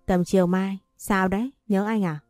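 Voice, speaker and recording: A woman's voice: medium pitch, steady tone, moderate pace, a little mellow, no echo, studio quality, faint music behind, natural voice. A woman voicing a teasing, confident young husband in a spoken story. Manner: playful, teasing.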